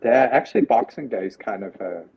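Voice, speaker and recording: A man's voice: fairly low pitch, animated, fairly quick. A man co-hosting a casual livestream, joking in an easygoing way. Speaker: co-host. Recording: dull lo-fi sound, faint noise.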